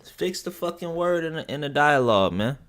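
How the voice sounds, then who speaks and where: A man's voice: on the high side, lively intonation, brisk, fairly bright tone. A man streaming casual, slangy and profane commentary as he reacts to videos.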